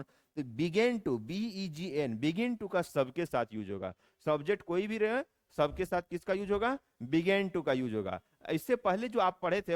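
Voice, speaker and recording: A man gives a grammar lesson in a smooth, clear voice that sits a little high for a man. He repeats every point and keeps asking his listeners rhetorical questions, slowing right down on each English example sentence. The sound is dry and close, with almost no room echo. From India. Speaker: spoken English teacher. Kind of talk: classroom lecture explaining grammar.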